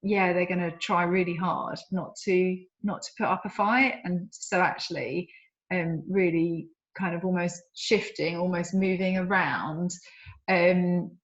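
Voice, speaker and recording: A woman client in a therapy session, slowly and hesitantly describing the images she sees. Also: fairly low pitch, steady tone, highs cut off. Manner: slow, hesitant, full of fillers and restarts.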